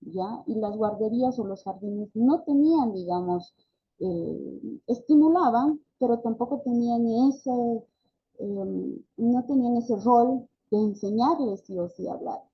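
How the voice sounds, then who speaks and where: A woman's voice: fairly high pitch, a little slow, a little hiss or hum. A woman giving a speech therapy class, often correcting herself mid-phrase and checking in with tag questions. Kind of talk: online class lecture. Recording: dull lo-fi audio.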